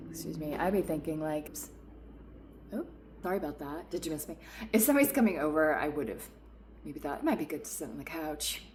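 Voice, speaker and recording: A woman's voice: sits low, slight background noise. Chatty woman retelling a date. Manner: animated and self-aware, quick asides, acts out both sides of a conversation. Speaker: vlogger. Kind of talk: candid storytelling.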